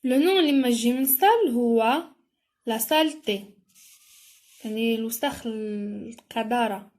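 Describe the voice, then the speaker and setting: Woman teacher, moroccan accent, fairly high voice, slow careful reading. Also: a little mellow. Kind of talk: French lesson explained in Moroccan Arabic.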